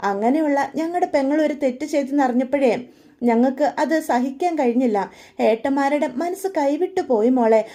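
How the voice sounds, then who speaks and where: A woman's voice: high voice, a little fast, mellow, natural voice. A woman voicing a caring older brother who soothes his crying sister. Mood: soothing. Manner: soothing, affectionate. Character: man, gentle protective older brother.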